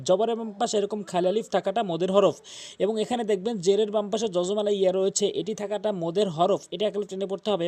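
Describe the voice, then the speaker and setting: Brief: high-pitched male tajweed teacher, patient syllable-by-syllable drilling. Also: darkish tone. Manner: spells out letters and vowel marks slowly, repeats syllables. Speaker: Quran recitation teacher. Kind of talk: step-by-step tajweed lesson.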